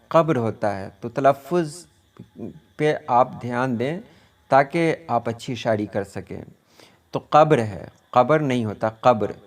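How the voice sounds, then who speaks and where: A man from India, an Urdu teacher, patiently explaining poetic meter and slowly repeating words to drill pronunciation. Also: medium pitch. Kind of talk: poetry meter lesson.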